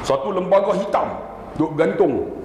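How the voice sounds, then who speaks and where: A man giving a comic sermon in a surau prayer hall, telling jokes and stories in an animated way. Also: high voice, measured pace. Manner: animated, joking storyteller. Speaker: religious preacher. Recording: echoey hall with PA noise.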